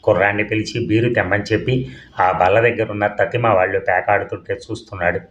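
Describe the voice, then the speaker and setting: Brief: male audiobook narrator, measured and plain, lowish voice, echoey muffled recording. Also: fairly even intonation, a bit bright, a little hiss or hum. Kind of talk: reading a novel aloud. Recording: dull, echoey room.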